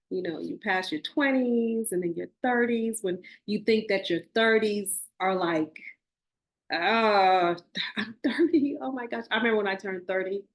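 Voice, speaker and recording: Earnest rambling woman podcast host. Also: mid-range voice. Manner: earnest, rambling with restarts and self-corrections. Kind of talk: casual spiritual talk.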